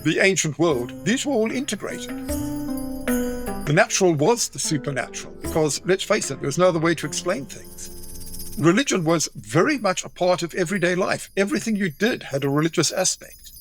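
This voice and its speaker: A man speaks as a historian in a fairly high voice. He explains his points plainly and directly. Faint music plays under him. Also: animated, a little fast. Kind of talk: expert commentary.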